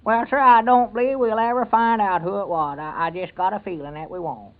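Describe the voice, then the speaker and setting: Man playing a high-voiced, sheepish country bumbler, vintage radio. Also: fairly even intonation, brisk, natural voice. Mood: sheepish, evasive. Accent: rural Southern American. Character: sheepish, evasive country husband and bumbling small-town constable. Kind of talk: old-time radio comedy serial acting. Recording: narrow, tinny vintage radio recording.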